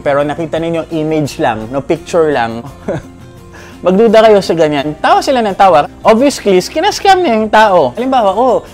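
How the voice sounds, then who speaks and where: A middle-aged man with a rather high voice rants about perfume reviewers, blunt and swearing freely. He switches between Tagalog and English and keeps asking "no?". Faint music plays behind him. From Philippines. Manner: tags lines with "no?". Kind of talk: casual ranting review.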